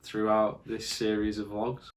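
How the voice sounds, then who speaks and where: A man's voice: fairly low pitch, monotone, a little slow. A young man, casually talking over travel footage and recounting stories with a friend. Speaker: vlog co-host. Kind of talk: casual travel vlog commentary.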